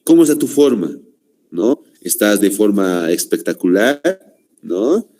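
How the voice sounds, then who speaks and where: A man with a Bolivian Spanish accent lecturing a class, halting with fillers and constant "¿no?" tags. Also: on the low side, expressive, mellow. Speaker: teacher.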